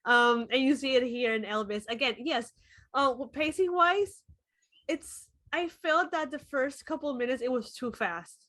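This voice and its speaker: A woman's voice: sits high, normal speed, a bit bright. A woman co-hosting a casual film review podcast, laughing often and thinking aloud with fillers. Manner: laughs often, talks through thoughts with fillers.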